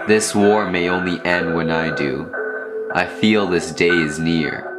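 Very deep, slow solemn male reciter. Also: loud music behind the voice. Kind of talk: reciting a poem as voice-over.

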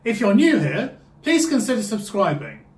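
A man hosts his own explainer channel in a high, lively voice that swoops up and down. He talks upbeat and emphatic, reading a scripted narration, and the recording has a roomy echo. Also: normal speed. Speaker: channel host.

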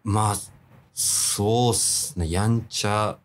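A man's voice: on the low side, fairly even intonation, takes it slowly, a little hiss or hum. A young man talking casually as an interview guest, laid-back and hesitant, thinking aloud as he goes. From Japan.

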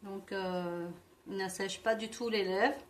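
A woman reviewing beauty products in a casual vlog, talking with many fillers and pauses. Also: mid-range voice, fairly even intonation. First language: not English. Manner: slow, hesitant, many fillers. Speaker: beauty vlogger.

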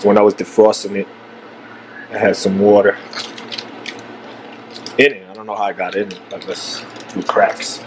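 A man's voice: lowish voice, little pitch movement, moderate pace, pauses often, noisy background. Playful man filming his kitchen cooking. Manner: joking, playful, chatty. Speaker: vlogger cooking at home. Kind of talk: casual cooking vlog. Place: home kitchen. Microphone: handheld camera at arm's length.

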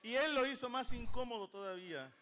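A man's voice: very high voice, lively intonation, brisk, sharp tone. A man with a Mexican accent, a streamer telling a crude, joking story on a live stream. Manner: crude, joking anecdote-teller. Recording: noisy stream audio.

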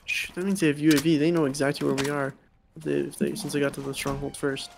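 Gravelly man calling shots in a game. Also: a little high, flat delivery, noisy background. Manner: directing the squad, quick calls. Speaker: streamer playing with friends. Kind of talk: casual gaming chat.

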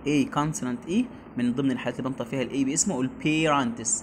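A man's voice: medium pitch, fairly even intonation, very fast, a little mellow, slight background noise. A man with an Egyptian Arabic accent teaching beginner English, repeating each word and quizzing his pupil.

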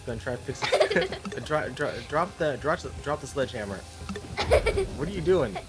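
Woman, very deep pitch, playful gameplay chat, repetitive exclamations, clear music behind. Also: animated, normal speed. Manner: exclamatory, repeats short phrases. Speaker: parent playing co-op game with child. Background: game music.

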